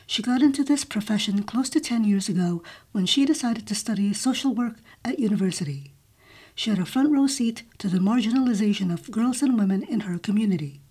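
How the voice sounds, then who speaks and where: Speaking fairly quickly and with animation, a female podcast host in a mellow, medium-pitched voice reads a guest's introduction smoothly before moving on to questions full of ums.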